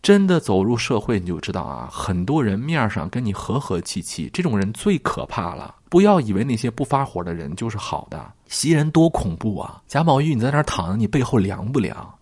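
A low, husky man walks viewers through a classic novel, his pitch swinging widely as he acts out the dialogue. He talks directly to his audience, and the sound is close and dry. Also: fairly quick, few pauses, no room sound. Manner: animated, reads quoted dialogue dramatically, talks to viewers directly. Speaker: literature commentator. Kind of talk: storytelling commentary on a classic novel.

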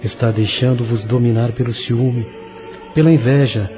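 A man playing a wise, serene spirit guide in a radio drama. He explains solemnly and evenly in a medium-pitched voice, with music clearly underneath. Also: fairly even intonation, lightly acted. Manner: measured, didactic.

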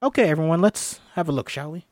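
A theatrical, encouraging coach from a comedy script, acted by a man. The voice sits fairly high and swings expressively as it instructs, bossy and dry in sound. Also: expressive, quick pace, a little mellow, no room sound, natural voice. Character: bossy, encouraging acting coach among zombie survivors.

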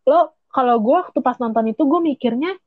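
A woman's voice: high voice, a little fast, no room sound. Young woman with a lilt, chatty. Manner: chatty, rambling with restarts and slang. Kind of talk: casual chat. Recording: tinny phone-like line.

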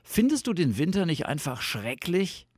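A man's voice: on the high side, big pitch swings, normal speed, a little mellow, breathy edge, dry recording, clean studio sound, pitched above the performer's own voice. A man voicing a fretful, complaining male fox in a storybook reading, in a raised, plaintive voice.

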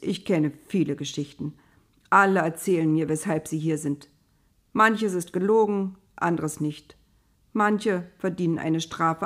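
In an audio storybook, a wry and good-humored old jailer teases a newcomer in a gruff, chatty voice, as a woman reading puts him on. The voice sits fairly low.

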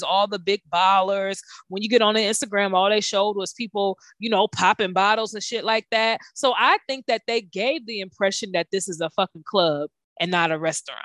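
A woman co-hosting a casual podcast over a video call, telling a story in an animated, profane way and acting out other people's lines. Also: medium pitch, no echo. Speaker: podcast co-host.

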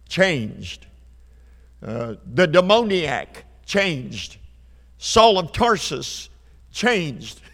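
A man in his seventies preaching a revival sermon, emphatic, repeating key phrases and building to loud climaxes. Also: high-pitched. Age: 70s. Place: church sanctuary. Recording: long hall reverb.

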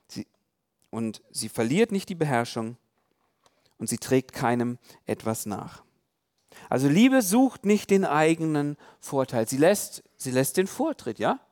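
A man giving a conversational sermon on love in marriage, animated, acting out quoted thoughts with many fillers and restarts. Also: fairly high pitch.

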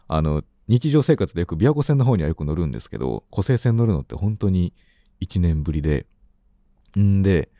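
A man hosting a late-night radio corner, telling stories in an easygoing, chatty way. His voice is deep and mellow. The sound is close and dry, with no room around it. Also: no echo. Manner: easygoing storyteller, acts out quoted phone talk. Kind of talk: casual radio chat.

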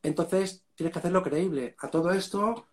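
A man, a rock singer with a Spain Spanish accent, talks in a loose, slangy, storytelling way during a relaxed interview. His voice sits a little high. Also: normal speed. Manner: casual storytelling, slangy, keeps saying "mate". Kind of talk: casual interview chat.

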